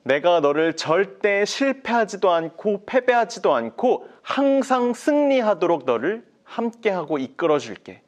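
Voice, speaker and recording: A man voicing God as a gentle, fatherly speaker in a children's Bible story. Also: sits high, voice pushed up. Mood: reassuring. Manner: calm, slow and kindly.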